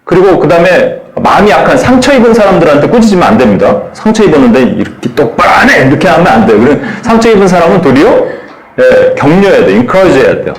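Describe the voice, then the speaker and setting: Male pastor, animated sermon delivery, voice sits a bit high, lots of pitch swing, roomy echo. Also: fast. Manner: animated, acts out voices in quotes.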